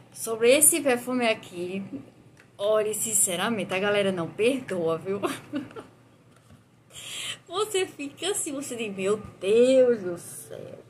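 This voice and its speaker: A woman's voice: medium pitch, slight background noise. A woman with a Brazilian Portuguese accent hosting a live stream, chatting casually with viewers and reviewing perfumes with frequent tag questions.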